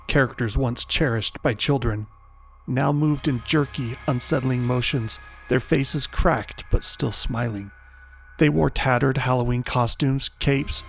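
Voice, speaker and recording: Gravelly male horror storyteller. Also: mid-range voice. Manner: measured, dramatic storytelling. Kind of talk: scripted horror narration.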